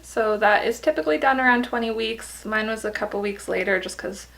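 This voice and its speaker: A woman's voice: fairly high pitch, fairly quick, vocal fry, fairly bright tone, low-quality recording. A tired, pregnant young woman giving a casual vlog update, chatty and laughing often. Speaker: vlogger.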